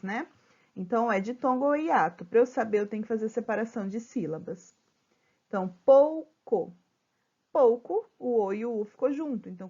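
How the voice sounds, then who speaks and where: A Brazilian woman teaches a remote grammar lesson to children in a slightly high voice. She is patient and spells out syllables slowly. She keeps checking in with them. The sound is muffled and lo-fi, as if from a laptop mic. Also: darkish tone. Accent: Brazilian Portuguese.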